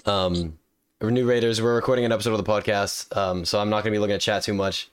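A young man with a deep voice and a cold, hosting a casual gaming podcast that is streamed live. He rambles, with many fillers and restarts. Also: fairly even intonation, fast talker, crowd noise. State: sick with a cold. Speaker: podcast host.

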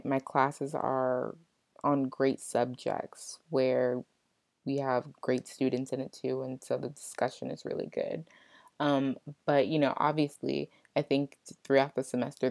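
Brief: young woman, very low and gravelly voice, dry close mic, chatty and rambling. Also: darkish tone, no echo. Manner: chatty, lots of fillers and restarts. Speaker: law student. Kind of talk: casual chat.

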